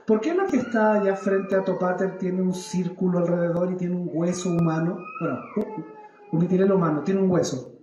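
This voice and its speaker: A man's voice: high-pitched, fairly quick, muffled recording, soft background music. A man, a pastor giving a sermon, telling stories from his own life and asking the congregation questions. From Chile. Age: 30s. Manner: animated storytelling, acts out his own prayers and questions the congregation. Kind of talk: church sermon. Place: church service. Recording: echoey church hall.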